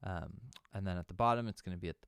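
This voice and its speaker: A man's voice: deep voice, fast, clear, resonant tone, dry recording, studio quality. A young man, a music producer, talks through a synth tutorial in a loose, conversational way with plenty of fillers. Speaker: music producer teaching synth sound design. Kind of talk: casual software tutorial.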